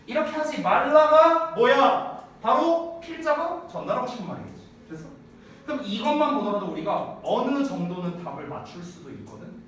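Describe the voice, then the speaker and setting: A man's voice: high voice, fairly quick. A man in his thirties, an English teacher giving a chatty classroom lecture, often checking whether students follow. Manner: chatty, animated, asks students rhetorical checks. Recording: echoey room from far off, faint noise.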